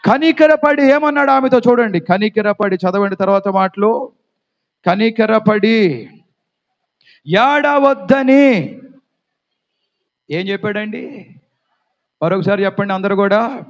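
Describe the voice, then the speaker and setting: A man's voice: high-pitched, normal speed. A man preaching a sermon, fervently calling on his congregation to respond. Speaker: pastor. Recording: dull lo-fi sound.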